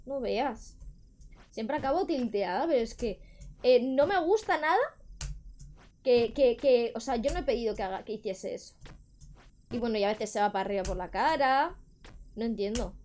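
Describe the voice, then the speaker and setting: A woman's voice: fairly high pitch, animated, moderate pace, long pauses, darkish tone, a little hiss or hum. A young woman with a Spain Spanish accent, chatting on a live gaming stream, frustrated and swearing at the game.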